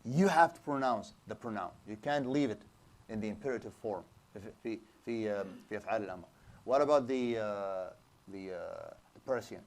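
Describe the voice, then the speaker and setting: A man teaches Islamic studies in a small lecture room with a projector screen. His voice is fairly low, a little mellow, and quick-paced. Explanatory in style, he often restarts and throws rhetorical questions at the class.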